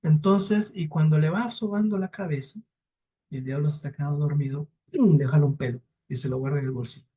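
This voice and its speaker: A man teaching psychology, telling a folktale in a lively storytelling manner, often checking in with tag questions. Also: on the high side, a little fast, slightly rough, highs cut off. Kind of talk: storytelling lecture.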